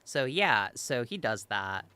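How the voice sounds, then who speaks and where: A podcast co-host in casual, animated chat who laughs often and swears offhandedly. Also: medium pitch, slow, clear, resonant tone, dry recording.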